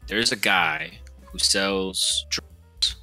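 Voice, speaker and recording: Man, from Russia, very bright sharp tone, casual rambling, profane, mimics voices. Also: low-pitched, very slow, soft background music. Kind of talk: casual storytelling.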